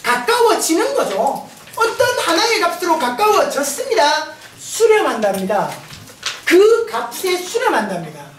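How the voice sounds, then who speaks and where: High lively lady math teacher, gyeongsang accent, echoey room, mic far off, noisy. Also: a little slow. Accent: Gyeongsang Korean. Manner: lively, playful, laughs often, asks the class questions. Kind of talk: lecture. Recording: roomy, distant mic, noisy.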